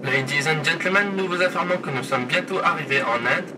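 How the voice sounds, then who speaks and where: A man playing an airline pilot making loud cabin announcements, a little back from the mic. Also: fairly high pitch, fairly quick, recorded from a distance, background noise, natural voice. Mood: formal announcing. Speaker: food-tasting vlogger.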